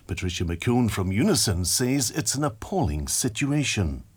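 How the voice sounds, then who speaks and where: Husky newsreader, animated low-voiced man. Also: normal speed. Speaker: news reader. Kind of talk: scripted news bulletin reading.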